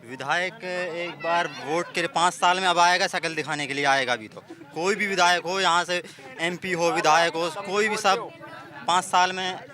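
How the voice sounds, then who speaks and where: A man's voice: sits high, normal speed, sharp tone. A man, a villager listing local issues in an earnest, plain-spoken way. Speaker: villager interviewee. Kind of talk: interview answers. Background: music.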